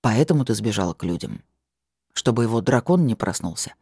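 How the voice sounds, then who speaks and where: A narrator voicing a grim, imposing dragon-blooded man who speaks quietly and measuredly. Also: medium pitch, expressive, a little fast, breathy edge, dry recording, clean studio sound, voice pushed down. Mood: grave.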